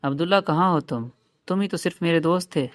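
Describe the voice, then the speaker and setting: A man's voice: a little high, no echo, pitched above the performer's own voice, natural voice. A man storyteller voicing a heartbroken young woman who longs for her lost friend, in a plaintive tone. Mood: longing.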